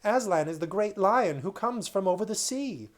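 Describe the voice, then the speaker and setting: A man reading aloud and voicing an eager young boy prince who gushes breathlessly in a high, bright voice. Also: expressive, moderate pace.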